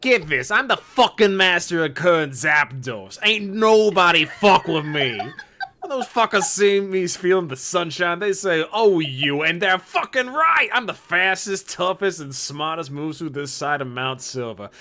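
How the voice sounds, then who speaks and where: A man's voice: high voice, expressive, unhurried, pushed and bright, pitched above the performer's own voice, exaggerated voice. A man voicing a cocky, crude female thunder bird creature with a New Jersey accent, boasting and swaggering. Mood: boastful.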